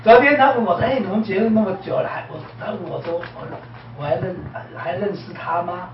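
A married man sharing his personal thoughts in a group talk in a rushed, animated way, often trailing off softly. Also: high voice. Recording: far, echoey, lo-fi with loud noise.

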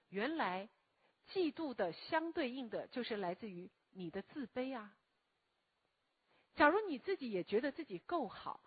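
A woman lecturing a class in a slow, deliberate way, often asking the listeners questions, her voice a bit hoarse from a recent cough. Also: a little high, no echo, phone-quality sound. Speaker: lecturer and meditation teacher. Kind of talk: spoken self-help lecture to a live class.

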